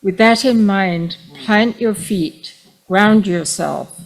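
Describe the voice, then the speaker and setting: A woman reading the opening words of a worship service in a calm, measured way, guiding listeners into a grounding exercise. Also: medium pitch, creaky, rough recording. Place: fellowship hall during a worship service.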